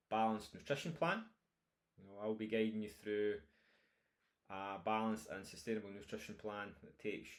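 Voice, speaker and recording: Low-voiced man with a broad Scottish accent. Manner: encouraging, addresses listeners directly as guys. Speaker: health and nutrition coach presenting a course. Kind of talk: informal course introduction, talking through topics.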